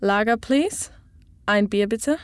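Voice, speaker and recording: Female tutor, clear deliberate delivery, dry close sound, for phrase-lesson reads. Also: medium pitch, no echo. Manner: clear, measured model pronunciation. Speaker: language tutor.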